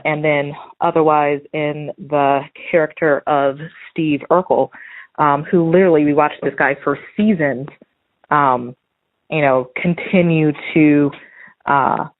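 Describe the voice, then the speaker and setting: Recorded as a muffled phone-line voicemail, this American woman speaks slowly in a low voice with fairly even intonation. She's a listener calling in with casual commentary, earnest and slightly hesitant, thinking out loud.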